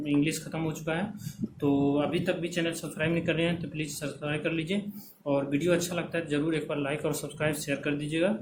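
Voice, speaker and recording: A man teaching English phonetic transcription, repeating words slowly as drills and checking in often. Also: on the high side. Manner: checks in often with "theek hai". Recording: background noise.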